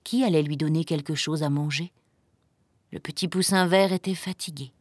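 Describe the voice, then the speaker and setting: A woman reading a children's picture book aloud in a gentle, expressive storytelling manner. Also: deep voice, moderate pace, breathy edge, no room sound, clean studio sound.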